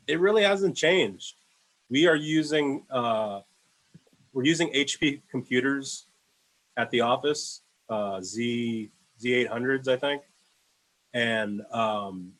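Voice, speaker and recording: A man's voice: medium pitch, fairly bright tone, poor audio. Rambling man on a video call. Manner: rambling, many fillers and restarts. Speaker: in-house video producer for a sports team. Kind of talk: casual panel Q&A answers.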